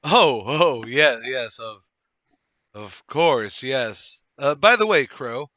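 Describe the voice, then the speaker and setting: In a table read of a period murder mystery, an actor plays a brisk, self-assured, well-to-do gentleman who is emphatic and slightly patronising. His medium-pitched voice is animated and genial, recorded with no room sound.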